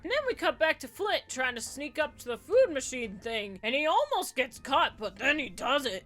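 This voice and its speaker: A woman with a high, animated voice tells a film's story in a flippant, sarcastic way and acts out each character's line in a silly voice. Her pitch swings widely from phrase to phrase. Faint music plays under her voice. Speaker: comedic movie recapper. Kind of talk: comedic plot recap narration.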